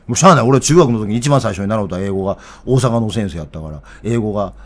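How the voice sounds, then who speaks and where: A middle-aged man with a strong Kansai accent delivers political commentary. He talks bluntly and heatedly, with a very lively, swinging pitch. He sounds rough-spoken and unpolished, as if chatting with regular viewers. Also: fast.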